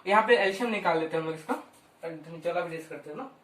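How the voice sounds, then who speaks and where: A woman's voice: lowish voice, a little hiss or hum. Woman teaching maths in an echoey room. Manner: chatty, keeps checking in with "ठीक है" and "हाँ"; slows right down to spell out long strings of digits. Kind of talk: informal whiteboard lesson. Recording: roomy, voice from some distance.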